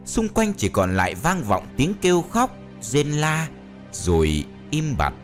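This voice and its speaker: A man's voice: big pitch swings, unhurried. A man narrating a ghost story in a dramatic way, with faint music behind. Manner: dramatic, swinging pitch.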